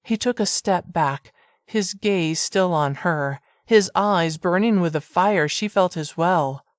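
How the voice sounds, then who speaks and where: A narrator reading a romance audiobook in an even, measured storytelling manner. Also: female voice, on the low side, no echo, clean studio sound. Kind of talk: scripted narration.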